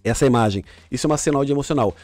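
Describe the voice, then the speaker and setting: A man's voice: mid-range voice, very fast, darkish tone, no echo, faint music behind. A middle-aged man, a podcast guest coaching on communication, explaining with examples and frequent restarts. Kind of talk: casual podcast chat.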